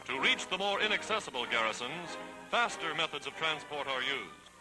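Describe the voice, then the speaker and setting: Dramatic old newsreel announcer, high-pitched man. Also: very animated, normal speed, rough recording. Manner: emphatic, dramatic announcer delivery. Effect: old newsreel narration. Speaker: newsreel narrator. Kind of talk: 1940s newsreel narration. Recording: old newsreel soundtrack with loud music. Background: loud orchestral music.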